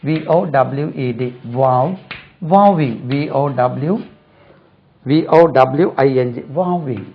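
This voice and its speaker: A man teaching English words, saying each one several times and spelling it out letter by letter. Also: mid-range voice. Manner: slow, repeats words and spells them letter by letter. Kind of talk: spoken English lesson. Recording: dull lo-fi recording.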